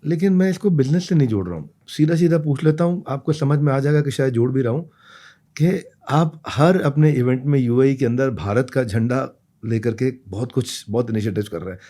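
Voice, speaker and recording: Indian man hosting a podcast, mid-pitched voice, teasing and probing. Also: a little fast, mellow. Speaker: podcast host. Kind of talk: podcast conversation.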